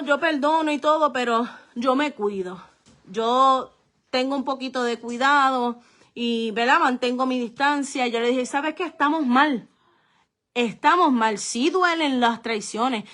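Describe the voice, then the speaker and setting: A woman pastor preaching with a high voice. Her tone is bright and forceful. She speaks earnestly to her listeners as brothers and often drops to a soft, slow delivery. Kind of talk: testimony sermon.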